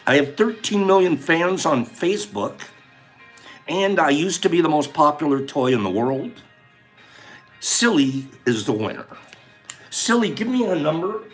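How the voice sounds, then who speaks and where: A man hosts a casual livestream in an easygoing, chatty way, greeting viewers by name as he runs a guessing game. His voice sits a little high and swings widely in pitch. Faint music plays behind him. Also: a little slow, pauses often. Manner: animated, chatty, reading out viewer names. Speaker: livestream host.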